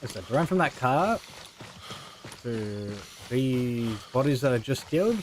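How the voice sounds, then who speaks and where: A young man chats loosely over his own gameplay, complaining about mechanics and cursing as he goes. His voice sits at an ordinary mid pitch, with a faint hum of outdoor ambience behind him. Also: animated, measured pace. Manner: griping, swears freely. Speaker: gaming streamer. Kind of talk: casual gameplay commentary.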